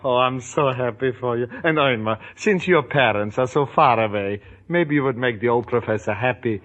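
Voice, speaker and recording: A man's voice: mid-range voice, highs cut off, lightly acted. An actor playing a fatherly, emotional old professor, comically mournful, in a 1940s radio sitcom. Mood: tender, wry. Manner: emotional, affectionate, drawn-out. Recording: noisy old radio recording, loud studio audience.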